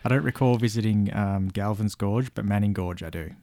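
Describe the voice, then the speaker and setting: Deep-voiced man with broad Australian accent. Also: fairly quick, warm tone, no room sound, clean studio sound. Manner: laid-back, colloquial. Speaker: guest recounting an outback road trip. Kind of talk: casual travel advice chat.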